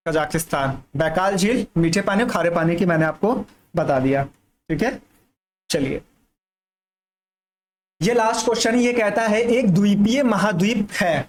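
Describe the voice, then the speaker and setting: High-voiced man teaching exam prep. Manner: repetitive, checks in with "thik hai" constantly; drawls key terms slowly. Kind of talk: general studies lesson over a map.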